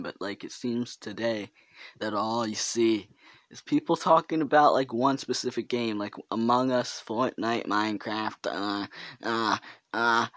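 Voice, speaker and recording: A man's voice: medium pitch, dry recording. A teenage boy with a stutter rambling through a casual solo podcast in his bedroom, full of fillers and self-interruptions. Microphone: home podcast mic.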